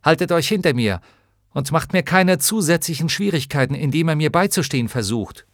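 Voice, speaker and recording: A man's voice: a little high, expressive, fairly quick, dry recording, studio quality, pitched above the performer's own voice. A man voicing a brave young boy hero in an audiobook, speaking in a firm, commanding tone. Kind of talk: audiobook character voice.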